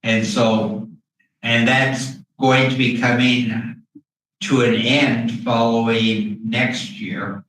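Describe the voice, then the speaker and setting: Man, voice through a face mask, slow halting official presentation, very echoey meeting room, distant mic. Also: mid-range voice, flat delivery, fairly bright tone, a little hiss or hum. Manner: hesitant, with long pauses and frequent throat clearing. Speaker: school district official presenting to a board.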